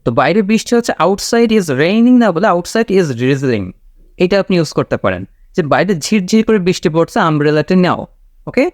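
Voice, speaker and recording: A man teaching English vocabulary in a casual spoken lesson, explaining slowly, repeating key words and checking in with "okay?". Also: high voice, very animated, no echo, clean studio sound.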